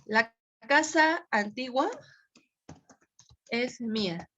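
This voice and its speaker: A woman's voice: fairly high pitch, expressive, extremely slow, fairly bright tone, a little hiss or hum. A woman teaching a Spanish grammar class online, patiently checking that students follow. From Mexico. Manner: patient, checks understanding often. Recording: dull lo-fi audio.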